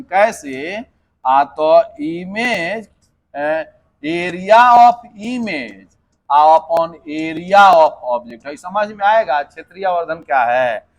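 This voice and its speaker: High-voiced physics tutor. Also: male voice. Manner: lively, mixes English terms, asks and answers himself. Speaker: physics teacher. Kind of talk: exam-prep lesson.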